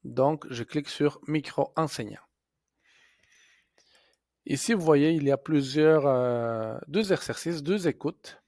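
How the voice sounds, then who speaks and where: A man teaching a software tutorial step by step, pausing and correcting himself as he goes. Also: fairly high pitch, no room sound, studio quality. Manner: slow, step-by-step explaining with fillers and self-corrections.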